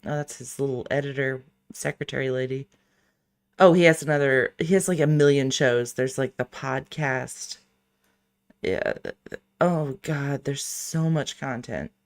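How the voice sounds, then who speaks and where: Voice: medium pitch, measured pace. A host mocking a played clip in casual, sarcastic reaction commentary, swearing now and then.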